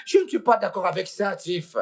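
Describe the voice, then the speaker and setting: A woman's voice: medium pitch, a little fast, natural voice. A woman dubbing a panicked young husband in a French film dub, groaning, pleading and exasperated. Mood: despairing.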